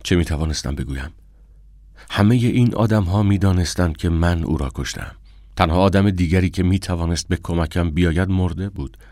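Male audiobook narrator, very low voice, measured and somber, dry booth sound. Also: a little mellow, no echo. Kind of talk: scripted first-person narration.

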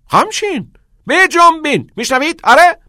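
A man's voice: sits high, animated, fairly bright tone, no echo, studio quality, pitched above the performer's own voice. A man voicing a passionate middle-aged male teacher who urges and exclaims like a preacher. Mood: urging, loud.

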